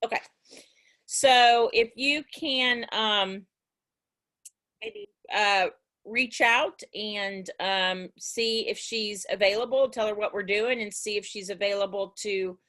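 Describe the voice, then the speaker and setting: A woman's voice: mid-range voice, takes it slowly, a bit bright. A woman teacher talking to her class over a video call in a casual, rambling way, with many restarts. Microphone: video call mic.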